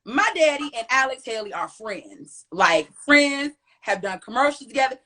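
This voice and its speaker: A woman from the US hosting a casual family chat, animated and laughing often as she tells stories. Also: high voice, moderate pace. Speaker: host.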